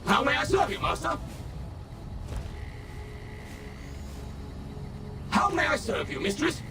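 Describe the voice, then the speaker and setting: An actor voicing an overly smooth, polite male android servant in a video game, with a synthetic, robotic processing on the voice and a formal, scripted manner. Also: very high voice, huge pitch swings, fast talker, music in the background, heavily acted. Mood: servile. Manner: courteous, formal, scripted customer-service delivery.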